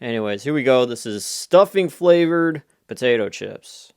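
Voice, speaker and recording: A man's voice: mid-range voice, animated, moderate pace, clear, resonant tone. An American man chatting casually through a food review in a rambling, offhand, conversational way. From United States. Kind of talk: casual off-the-cuff review chat.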